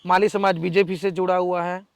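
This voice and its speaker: A man giving forceful, defiant answers in an interview as a local political figure, with emphatic rhetorical speech. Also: high voice, level tone, a little fast, vocal fry, smooth, no room sound, studio quality.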